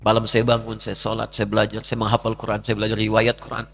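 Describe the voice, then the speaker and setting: A man's voice: on the low side, monotone, quick pace, creaky, bright, forceful tone. A middle-aged man preaching a sermon, telling an emotional story with a voice that rises and swells. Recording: long hall reverb.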